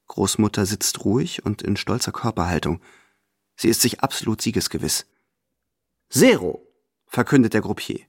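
A man narrating a novel in the first person in an expressive, scripted audiobook reading. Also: fairly low pitch, husky, no echo, studio quality.

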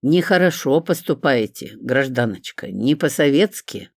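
A stately older gentleman voiced by an audiobook reader speaks in a measured, sedate manner, gently lecturing. The recording is dry and close, with lively pitch movement. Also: creaky, no echo. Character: stately older man, newspaper chief editor, neighbour.

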